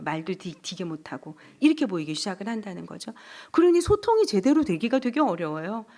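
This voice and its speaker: A middle-aged woman giving a healing seminar talk at a church, acting out everyday voices as examples. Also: fairly high pitch. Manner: animated, acts out quoted voices of parents and children. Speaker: seminar speaker.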